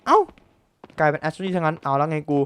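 A man giving excitable live gameplay commentary, a little drowsy from just waking up, often repeating his exclamations. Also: on the high side, brisk, smooth, dry recording.

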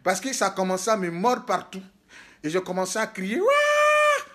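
A man's voice: high-pitched, a little fast, fairly bright tone. A man, a prophet filming a casual video diary in a hotel room on a handheld phone, telling stories animatedly with laughs and exclamations. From Côte d'Ivoire. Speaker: prophet and spiritual guide.

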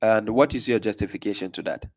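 A man's voice: lowish voice, fast talker, darkish tone. A man hosting a live call-in religious debate stream, pressing his caller with repeated questions. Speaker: livestream host. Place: small room indoors.

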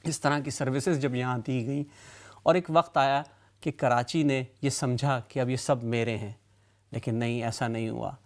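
A man, hosting a TV talk show and opening it with a measured, reflective studio monologue. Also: mid-range voice, fairly even intonation. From Karachi, Pakistan. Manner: measured, reflective storytelling with rhetorical lists. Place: TV studio with city backdrop, indoors.

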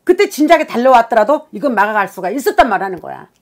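A woman's voice: fairly high pitch, sing-song, fast. Blunt, scolding woman shaman. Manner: scolding, swearing, emphatic with rising outbursts. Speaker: shaman fortune-teller. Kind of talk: blunt consultation reading.

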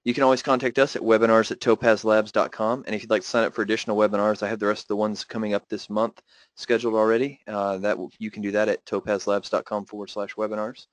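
A man's voice: on the low side, level tone, fast talker, no room sound. A man hosting a webinar, reading out links and closing announcements in a friendly way. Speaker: webinar host.

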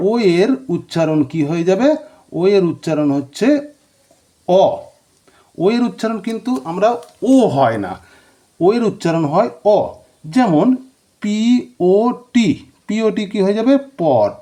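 A man's voice: high voice, expressive, normal speed, warm tone. A man teaching a phonics lesson, asking questions and answering them himself. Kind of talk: classroom-style phonics lesson.

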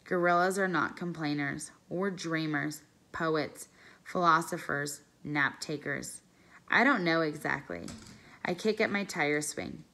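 Low, bright-voiced woman reading a story. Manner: calm, careful storytelling, pausing over phrases. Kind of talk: reading a children's novel aloud.

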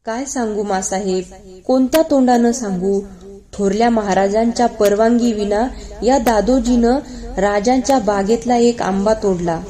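A woman's voice: on the high side, normal speed, warm tone, natural voice. Woman reading an old grief-stricken steward. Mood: anguished. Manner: pleading, tearful. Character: aged devoted male steward, grief-stricken and self-punishing.

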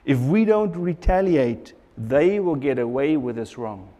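A man's voice: mid-range voice, animated, a little slow, mellow, long reverb tail. A middle-aged man preaching a sermon at a church pulpit, earnest and repeating phrases for emphasis, on a lapel mic. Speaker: pastor.

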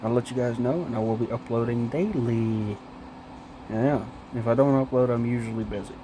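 A man's voice: mid-range voice, normal speed. A man in his twenties chatting casually in a vlog, talking with a lip full of dipping tobacco. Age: 20s. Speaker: video creator reviewing dip. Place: small cluttered wood-beamed room indoors. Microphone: handheld phone at arm's length. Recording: steady room hum, air-conditioner-like noise.

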